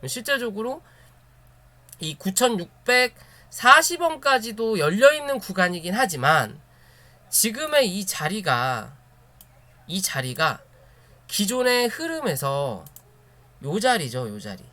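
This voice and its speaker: A man's voice: high voice, big pitch swings, takes it slowly, long pauses, sharp tone. A man giving a stock chart analysis lecture. He points at chart spots, repeats short phrases, hesitates often, and asks rhetorical questions that he answers himself. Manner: frequent filler hesitations. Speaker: stock market instructor.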